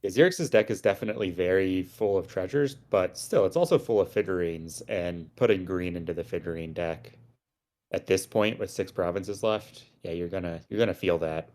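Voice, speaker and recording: A man giving relaxed, analytical commentary on a card game with a dry sense of humor. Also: low voice, moderate pace.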